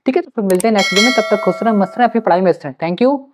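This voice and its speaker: A man's voice: sits high, very fast, background noise. A male teacher giving study-planning advice to students, coaxing them and repeating his key points. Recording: slightly muffled lo-fi recording.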